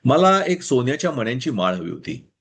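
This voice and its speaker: A man's voice: mid-range voice, very animated, fairly quick, fairly bright tone, breathy edge, heavily acted. A man voicing an earnest, lovesick young man who pleads and asks anxious questions in a told story. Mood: eager.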